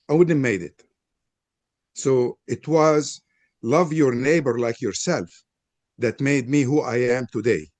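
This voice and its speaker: A medium-pitched, slightly mellow male voice with no echo belongs to an older Lebanese panel presenter whose first language is Arabic and who speaks with a Lebanese accent. His opening statement at an interfaith panel is frank, earnest, and personal.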